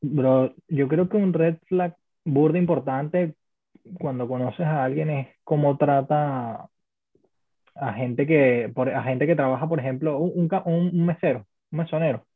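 A man's voice: fairly high pitch, a little slow, phone-quality sound. A man with a Venezuelan accent co-hosting a podcast in casual chat, blunt and swearing freely. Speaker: podcast co-host.

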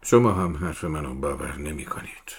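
A frightened middle-aged peddler pleads in a hushed, half-whispered murmur, as a male audiobook narrator puts him on. The voice sits low and husky, hunched and fearful, in a dramatized novel reading. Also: expressive, exaggerated voice. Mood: whispered pleading.

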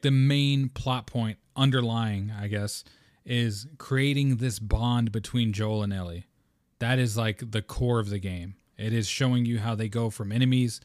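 A man's voice: medium pitch, dry recording, clean studio sound. A man hosting a podcast, talking casually and passionately in a rambling way. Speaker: podcast host.

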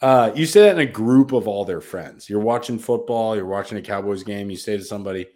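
A man's voice: fairly low pitch, brisk, darkish tone. A man co-hosting a casual sports betting podcast, brash and joking, swearing freely. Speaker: podcast co-host.

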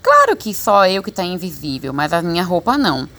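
A woman reading a children's book aloud as an audiobook narrator, expressive and lively. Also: lowish voice, a little fast. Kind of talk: storybook reading.

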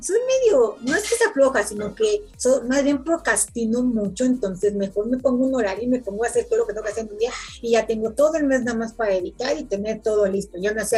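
A woman's voice: fairly high pitch, dark tone, slightly rough. A young woman, hosting a casual podcast chat in a chatty way and laughing easily. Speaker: podcast host.

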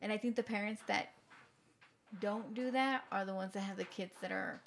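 A woman's voice: mid-range voice, moderate pace, gravelly, fairly bright tone, slight background noise. Opinionated woman in casual chat. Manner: firm opinions, rambling.

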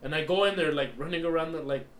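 A man's voice: fairly high pitch, fast, a little hiss or hum. A young man co-hosting a casual podcast, telling rambling, laugh-filled stories full of "like" and "right?". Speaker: podcast co-host. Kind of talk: casual storytelling chat.

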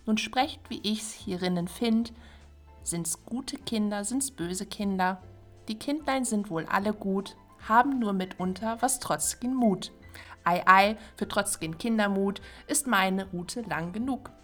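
A woman podcast host reciting a classic Christmas poem in a measured, rhythmic way. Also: medium pitch, a bit bright, soft background music.

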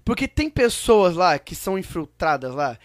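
A man's voice: high-pitched, sing-song, normal speed, no echo, clean studio sound. A young man in casual podcast banter, full of street slang and swearing, repeating himself insistently. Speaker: podcast co-host.

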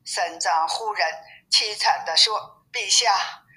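Bright-voiced woman reading a story aloud. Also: on the low side, slow, low-quality recording. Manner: expressive, steady narration.

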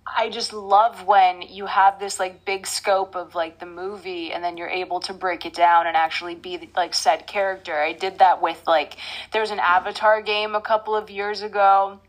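A young woman chatting casually as a podcast co-host. She is easygoing and talkative, with lots of "like"s and quick laughs. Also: medium pitch, fairly even intonation, low-quality recording. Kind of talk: casual chat.

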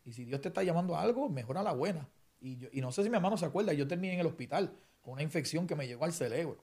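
A man's voice: a little high, husky. A young man, a preacher and musician telling his testimony in a chat and acting out the voices in his story. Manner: fast, animated storytelling, acts out dialogue. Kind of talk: conversational testimony.

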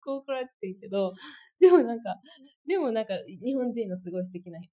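A woman's voice: mid-range voice, fast. A young woman with a Kansai accent chatting casually as a podcast co-host, telling stories and acting out what people said. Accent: Kansai Japanese. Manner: lively storyteller, acts out quoted lines. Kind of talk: casual chat.

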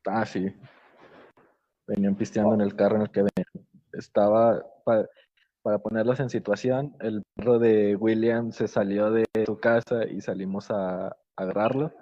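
A young man, co-hosting a podcast in laid-back, slangy casual chat with some halting restarts. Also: lowish voice, level tone, mellow. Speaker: podcast co-host. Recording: dull lo-fi podcast audio.

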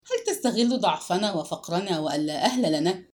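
Woman doing a sharp, blunt old aunt. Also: fairly low pitch, lively intonation, fairly quick, natural voice.

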